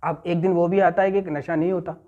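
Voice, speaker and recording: Man, recovery class leader, fairly high voice, storytelling lecture, muffled lo-fi sound. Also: steady tone, fairly quick, dark tone. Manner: checks in with listeners, repeats key phrases. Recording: muffled lo-fi recording.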